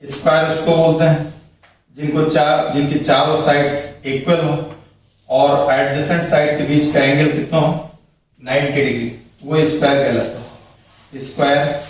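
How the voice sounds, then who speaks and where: A man teaching physics in a lecture, explaining step by step and often checking that students follow. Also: a little high. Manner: explains step by step, repeats points, checks with "thik hai". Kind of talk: classroom lecture at a board. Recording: very echoey room, mic far off.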